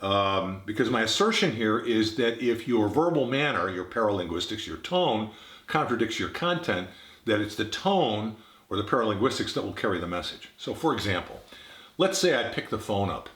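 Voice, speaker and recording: A man's voice: lowish voice, very animated, normal speed, a bit bright, reverberant. A man giving an instructional talk on communication, demonstrating different tones of voice as he explains them. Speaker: communication trainer.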